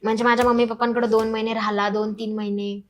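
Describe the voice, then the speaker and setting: Young woman, rapid emotional life story, somewhat high voice. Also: level tone, slight background noise. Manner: fast, emotional, acts out quoted family members. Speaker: guest telling her life story.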